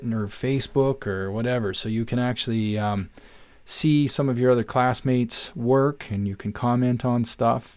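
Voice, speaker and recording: A man in his forties, a music teacher talking his students through a software tutorial step by step in a casual, chatty way, often checking in with "okay?". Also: mid-range voice, dry recording. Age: 40s. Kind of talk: screen-recorded software tutorial. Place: at his computer, indoors.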